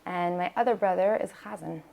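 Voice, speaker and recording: The recording is rough, and her voice comes across fairly low, gravelly and darkish, moving fairly quickly. She's an American woman whose first language was Hebrew, talking casually as a podcast interview guest with lots of fillers and restarts.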